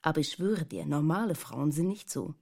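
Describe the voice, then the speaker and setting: A woman reading a storybook does a grown man looking after two children, warm and low in colour. He teases lightly and lays down rules with gentle firmness. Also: animated, moderate pace, vocal fry, exaggerated voice. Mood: teasing. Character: adult man, easygoing caretaker of the children.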